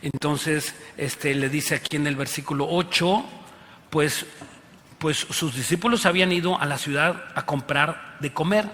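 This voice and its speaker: A man preaches with a Mexican accent in a church auditorium, his voice sitting a little high for a man. He talks like a conversation, tossing in tag questions and emphatic pleas. His voice carries a long reverb from the hall. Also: unhurried, bright, forceful tone. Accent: Mexican Spanish. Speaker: pastor. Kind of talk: sermon.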